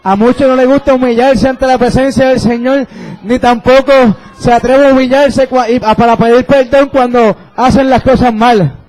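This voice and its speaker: A man's voice: very high voice, steady tone, moderate pace, a little mellow, poor audio. A young man preaching a sermon and telling his own testimony, fervent and repeating phrases.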